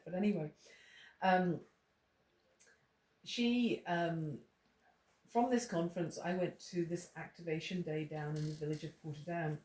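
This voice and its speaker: Speaking in a lowish, warm voice, a middle-aged woman from Ireland leads a small study group indoors, wandering off into anecdotes and often starting over. Her storytelling is digressive, and the room gives the audio an echo along with a little faint noise.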